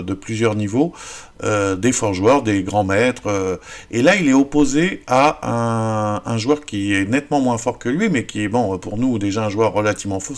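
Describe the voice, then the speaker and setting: A man explains a chess opening at an easy, unscripted pace. He stops often to search for words and restarts his phrases, then reads out the moves plainly. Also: mid-range voice. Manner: hesitant, many fillers and restarts. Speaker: chess teacher. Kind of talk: casual chess lesson.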